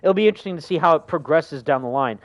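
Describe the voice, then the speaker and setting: A man's voice: on the high side, expressive, fast talker, no room sound, highs cut off. A young man hosting a gaming livestream, chatting casually and reading viewer comments in an enthusiastic, rambling way full of fillers. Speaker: livestream host.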